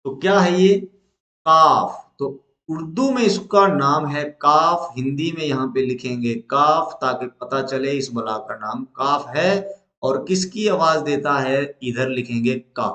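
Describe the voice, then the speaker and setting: A man's voice: a little high, a little slow, pushed and bright, echoey room. A male teacher, leading a lesson at the board, asking questions and answering them himself.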